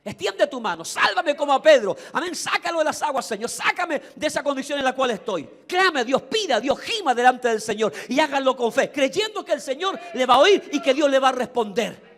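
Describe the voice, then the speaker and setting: A man preaching a fervent sermon as pastor, swinging from hushed pleading to loud shouting and acting out the voices of others. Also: extremely high pitch, big pitch swings, brisk, hardly any pauses. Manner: acts out quoted voices of the crowd.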